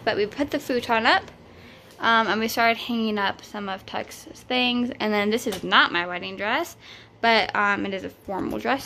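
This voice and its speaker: This vlogger, a woman in her 20s, has a medium-pitched voice with a sharp tone, and a slight hiss or hum sits under the audio. Holding her phone camera, she casually tours her small apartment while chatting loosely and using lots of fillers.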